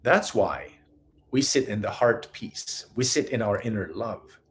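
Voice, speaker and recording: A little slow and lowish in pitch, a Swedish-accented healer and host from Sweden delivers an earnest live-streamed spiritual talk. He keeps things animated by acting out small quoted scenes.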